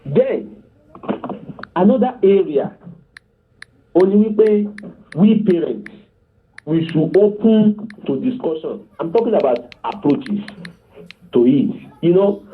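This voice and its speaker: A man's voice: fairly high pitch, expressive, takes it slowly, long pauses. Earnest Yoruba-accented man on a phone line. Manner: earnest, instructive, often asks the listener to confirm. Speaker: guest speaker on parenting. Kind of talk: teaching talk with told anecdotes.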